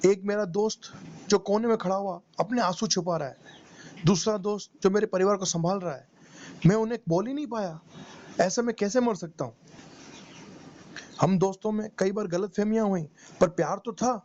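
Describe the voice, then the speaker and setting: A high-pitched man narrates a motivational first-person story with emotional, pleading intensity. He sounds like a meditation teacher addressing his listeners. The recording is muffled and lo-fi, with a faint hiss underneath. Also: normal speed, long pauses, a little mellow. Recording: dull lo-fi recording with faint noise.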